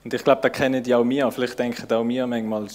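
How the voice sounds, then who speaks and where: A man's voice: mid-range voice, level tone, fast, a little mellow. A man with a Swiss German accent giving a casual, conversational sermon, informal and searching, with many fillers and restarts. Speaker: preacher.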